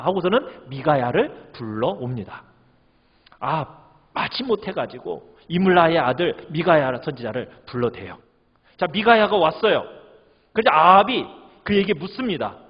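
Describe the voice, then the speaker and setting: A man's voice: on the high side, breathy edge. A male pastor preaching, reading scripture aloud and asking the congregation questions, acting out the quoted lines. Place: church hall. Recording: lo-fi church recording with long reverb.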